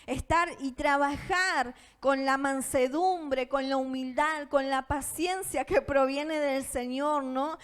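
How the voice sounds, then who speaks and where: A woman's voice: high-pitched, steady tone, slow, hardly any pauses, a bit bright. A woman pastor with a Rioplatense Spanish accent, preaching a sermon in a church auditorium, earnest and often asking her listeners for agreement. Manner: earnest, asks the audience for agreement, laughs between points.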